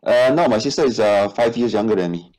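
An Indonesian man in his thirties, a guest speaking English with many fillers, relaxed and hesitant, on a video call from an office. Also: lowish voice, fairly quick, poor audio. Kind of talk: casual interview chat. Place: office with whiteboard. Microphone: earphone headset on video call.

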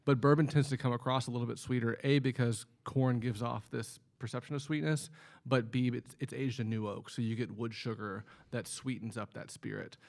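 A man who is the production manager at a distillery, explaining at length in a measured, casual podcast chat with frequent ums. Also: mid-range voice, steady tone, vocal fry, a little mellow. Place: indoor studio at a table.

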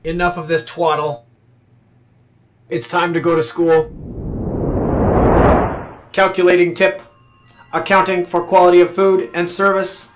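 A man playing a monotone robot superhero. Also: high voice, a little slow, pauses often, soft background music. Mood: dry. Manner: flat, clipped machine-like delivery. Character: smug male robot superhero, a human calculator. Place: restaurant.

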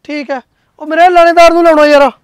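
A man's voice: extremely high pitch, flat delivery, quick pace, no echo. A man playing a young village man who calls out to a friend and pleads on the phone. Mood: casual. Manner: calling out, casual. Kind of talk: village comedy drama acting.

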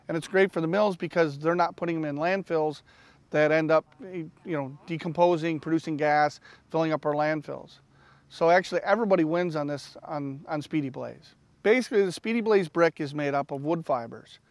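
A middle-aged man explains his product in a relaxed interview, with fillers and restarts. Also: a little high, no room sound. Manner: easygoing, many fillers and restarts. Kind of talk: on-camera interview. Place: outdoors by a lake.

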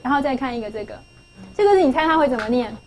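High-voiced woman teaching phonics. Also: animated, rapid-fire, a little mellow, faint music behind, poor audio. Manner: coaxing, asks pupils questions, repeats key phrases. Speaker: English teacher. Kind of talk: classroom phonics lesson.

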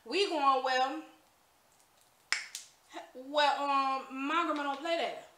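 An echoey room carries the high, bright voice of a young American woman. She tells a casual, rambling story as she eats, often speaking through a mouthful of food. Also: slow. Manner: talking while eating, mouth often full. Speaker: mukbang vlogger. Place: indoors, small bare-walled room at a table.

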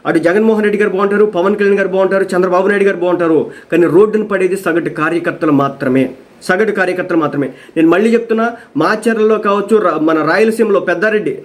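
Male political commentator, rapid emphatic scolding delivery. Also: high-pitched. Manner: scolding, emphatic, repeats pleas.

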